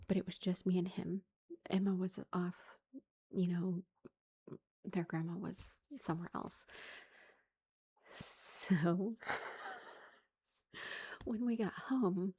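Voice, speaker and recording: A woman in her thirties, who is a mother, tells a story in a soft whisper, sounding chatty and amused. Her voice sits in the mid range and is slightly rough.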